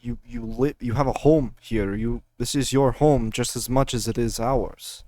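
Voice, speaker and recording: A man's voice: medium pitch, moderate pace, darkish tone, dry recording, close to an everyday voice. A man voicing a relieved, earnest male commander in a tabletop game.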